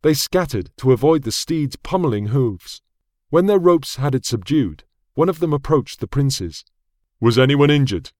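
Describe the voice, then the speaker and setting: Dry, even male audiobook narrator. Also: medium pitch, no echo. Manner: even, measured storytelling. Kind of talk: scripted narration.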